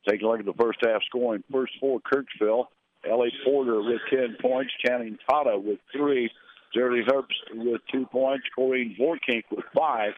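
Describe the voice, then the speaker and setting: A man's voice: mid-range voice, steady tone, normal speed, slight background noise. A man, announcing a local radio basketball broadcast and reading scores and schedules in a conversational way. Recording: narrow phone-like radio sound.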